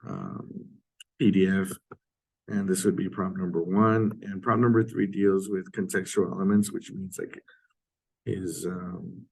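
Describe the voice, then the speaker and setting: A man giving an informal recorded literature lecture in a halting way, often clearing his throat, his voice hoarse and giving out from a sore throat. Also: low-pitched, darkish tone, low-quality recording.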